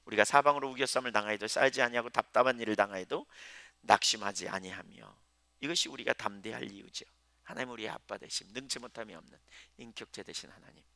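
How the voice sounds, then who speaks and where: A man's voice: on the low side, fast, creaky, pushed and bright, no echo. A male pastor preaching a sermon in a conversational way, asking his listeners questions, letting his voice swell and then drop almost to a whisper.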